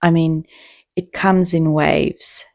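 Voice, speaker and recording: A woman hosting her own podcast, talking in a heartfelt, reflective way with pauses and restarts. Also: deep voice, little pitch movement, gravelly, a little mellow, dry recording, studio quality. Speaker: podcast host. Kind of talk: casual solo podcast talk.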